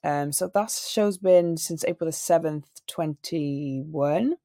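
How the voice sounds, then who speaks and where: A woman's voice: sits low, takes it slowly, dark tone, no room sound, clean studio sound. A young woman from Wales, a singer and radio presenter, answering interview questions in an earnest, storytelling way. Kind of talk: interview conversation.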